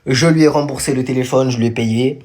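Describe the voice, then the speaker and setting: A man's voice: mid-range voice, steady tone, quick pace, a little mellow. A young man with a cold, telling a slangy personal story to camera and laughing at himself. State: stuffy with a cold. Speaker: vlogger. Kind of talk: casual storytime.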